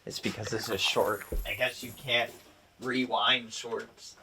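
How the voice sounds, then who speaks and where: A man co-hosting a gaming podcast in casual chat, animated and laughing often. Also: mid-range voice, slow, creaky, slight background noise. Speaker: podcast co-host.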